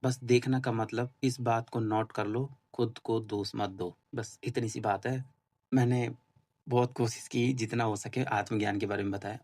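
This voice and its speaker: A man's voice: medium pitch, steady tone, normal speed, darkish tone. A man giving an informal, earnest spoken explanation, casual and repetitive, with many fillers and restarts. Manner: earnest, admits he is still learning. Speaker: spiritual talk host.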